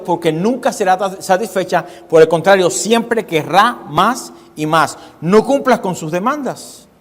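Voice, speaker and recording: Emphatic male preacher in a reverberant hall. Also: high-pitched. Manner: emphatic preaching with rhetorical questions to the congregation; repeats phrases for emphasis. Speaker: pastor. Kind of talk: sermon.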